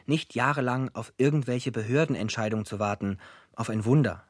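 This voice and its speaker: In a radio drama, a first-person narrator, a grown son, recounts his family's troubles in brief, dry, matter-of-fact lines over clear music. The man's medium-pitched voice is brisk and lightly acted, recorded with no echo.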